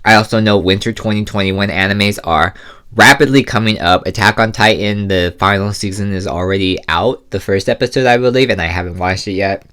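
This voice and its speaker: A young man with a somewhat low voice talks while he eats, close to a loud mic. He rambles and hesitates, with plenty of "like" and "um." The tone stays casual and unhurried. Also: clean tone. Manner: relaxed, rambling, hesitant with many fillers. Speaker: mukbang vlogger. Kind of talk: casual chat while eating. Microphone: close mic, loud for ASMR.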